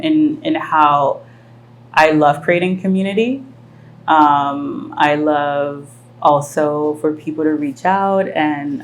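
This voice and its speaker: A woman in her thirties from France, hosting a live podcast and talking through her story in a thoughtful, reflective way with many pauses and fillers. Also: sits low. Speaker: podcast host. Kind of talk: casual live podcast conversation. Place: live event venue with audience.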